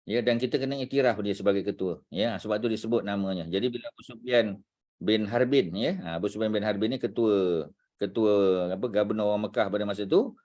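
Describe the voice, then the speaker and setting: Low-voiced ustaz lecturing. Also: male voice, darkish tone. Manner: unhurried, peppers talk with "ya" and "ha", searches for words aloud. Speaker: religious teacher. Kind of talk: religious class lecture.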